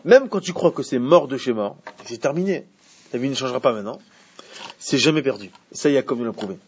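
Un homme qui donne un cours de Torah de façon animée et pose des questions à ses élèves. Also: male voice, medium pitch, fairly quick, dull audio, slight background noise. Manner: animated, asks the class questions. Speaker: Torah teacher. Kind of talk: Torah class.

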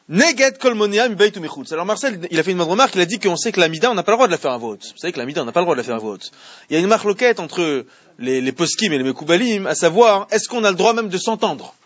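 A man teaching a religious class, explaining with lively questions and chanting Hebrew verses slowly. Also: high voice, no echo, lo-fi sound. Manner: animated, explains by asking questions. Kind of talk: Torah class with students.

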